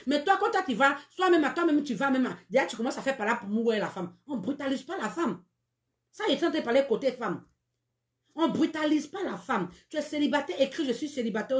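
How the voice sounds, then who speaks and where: A woman's voice: on the high side, reverberant. A woman hosting a live-stream dating advice show, speaking frankly and teasingly, and repeating her catchphrases.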